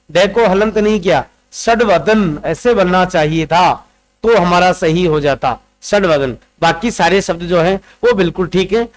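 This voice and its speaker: A man with a high-pitched voice leads an exam-prep Hindi grammar class. He works through answer options one by one, repeating forms and checking that students follow. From Rajasthan, India. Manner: repeats answers, drills word forms aloud; addresses students directly, quizzing them.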